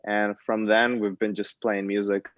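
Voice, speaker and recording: A man from Colombia chats loosely in a casual video interview, rambling a little and laughing easily. His voice sits fairly low. The audio is dry and dull. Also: little pitch movement, unhurried, dry recording. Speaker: band member, guest.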